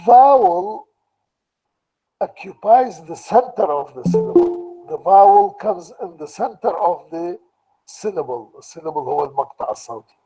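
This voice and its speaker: A man with an Iraqi Arabic accent giving a university lecture online, explaining slowly and deliberately and restating each point in two languages. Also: on the high side, mellow, husky, poor audio.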